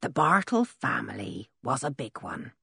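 A woman voicing an old male village blacksmith who tells a story slowly and in a rustic way, with a husky voice. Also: rumbling low, sing-song, a bit bright, no echo, clean studio sound, pitched below the performer's own voice, heavily acted. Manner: slow, drawn-out, rustic storytelling. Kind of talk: audiobook character reading.

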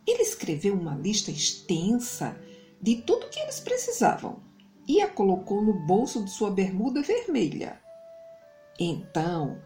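A Brazilian woman speaking as a kids show host, telling stories to small children in an animated, sing-song way. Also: mid-range voice.

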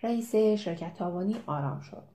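A woman reads a novel aloud in a calm, measured way, her voice mellow and darkly warm. The delivery stays even and steady, like a careful audiobook narration. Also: mid-range voice.

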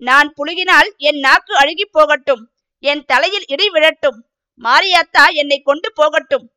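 A woman voicing a fiery, jealous young village woman, taunting and sharp-tongued. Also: high-pitched, normal speed. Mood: jealous scolding.

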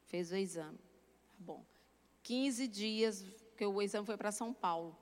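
A woman's voice: medium pitch, takes it slowly, in a large hall. A woman giving a fervent testimony in a church sermon, addressing the brethren.

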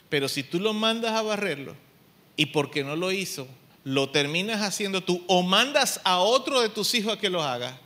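A man's voice: a little high, sharp tone. A middle-aged man preaching a sermon as pastor, emphatic and blunt with joking asides.

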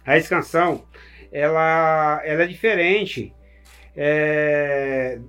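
A man explaining cordel verse forms in casual chat, patient and halting, with many restarts. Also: a little high, fairly bright tone, clear, resonant tone, soft background music.

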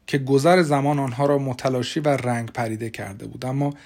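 A man's voice: medium pitch, darkish tone. Man narrating an audiobook. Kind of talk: scripted narration.

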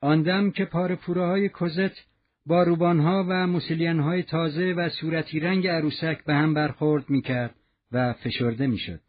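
A man narrating a classic novel as an audiobook, in a measured, even storytelling manner. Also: fairly high pitch, lo-fi sound.

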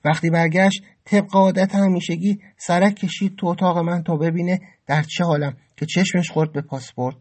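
A man's voice: high-pitched, fairly even intonation, few pauses, a little mellow. A man narrating his own story in the first person in an emotive, dramatic way. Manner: emotive, dramatic, rising with anger.

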